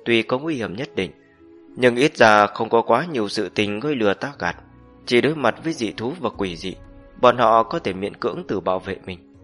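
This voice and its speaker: A man reads a fantasy novel aloud as an audiobook narrator. His voice sits fairly low and his delivery stays steady and measured throughout.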